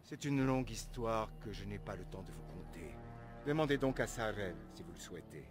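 Man acting grave, low-voiced elf clan leader. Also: lively intonation, normal speed, close to an everyday voice. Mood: curt, dismissive. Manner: formal, solemn, brusque. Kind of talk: video game dialogue acting. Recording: music behind the voice.

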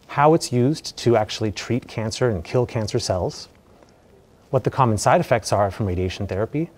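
An American man in his thirties giving a measured, explanatory medical lecture, his voice slightly muffled by a mask over his mouth. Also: mid-range voice, dark tone. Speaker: radiation oncologist giving a lecture. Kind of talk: educational medical presentation. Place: indoor presentation room. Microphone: lapel mic.

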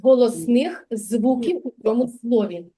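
A woman teaching a literacy lesson to preschool children in a kindergarten classroom, speaking clearly and drawing out words so the children can follow. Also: fairly high pitch, lively intonation, unhurried, mellow.

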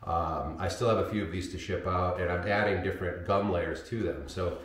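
A man livestreaming from his home darkroom, talking in a rambling, apologetic way with many fillers, his voice carrying a heavy booming room echo from the camera's built-in mic. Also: a little fast. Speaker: photographic printmaker livestreaming. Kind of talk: casual live stream chat. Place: home darkroom workspace with sink. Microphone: camera's built-in mic, wireless mic failed.

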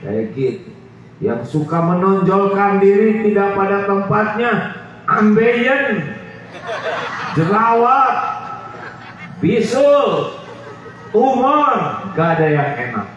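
A middle-aged man preaches slowly on an outdoor stage, fairly high-voiced and full of teasing questions for his listeners. His microphone voice comes through a PA system, so it sounds distant, echoey and dull. A faint hiss of noise sits underneath. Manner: lively, jokey, asks the crowd questions. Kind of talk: outdoor sermon. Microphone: handheld mic, far camera.

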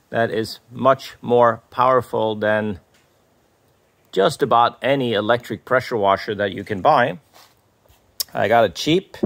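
Gravelly man doing a DIY walkthrough. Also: medium pitch, no room sound. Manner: rambling, self-correcting, plain-spoken. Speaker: DIY video maker. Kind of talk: casual how-to walkthrough. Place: outdoors on a paver driveway.

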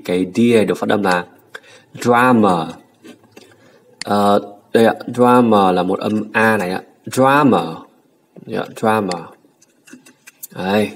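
A man with a Vietnamese accent teaching English pronunciation, patiently repeating each word to contrast the sounds, politely addressing the viewer. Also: on the low side. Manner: polite, ends phrases with "ạ" and "nhá". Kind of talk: pronunciation lesson.

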